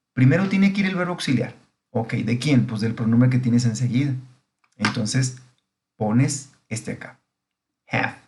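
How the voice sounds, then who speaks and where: A middle-aged man walks through an English grammar lesson for his students. He explains slowly and patiently, step by step, and keeps checking that they understand. His voice sits at an ordinary pitch for a man. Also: a little mellow. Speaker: English teacher. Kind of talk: recorded online grammar lesson.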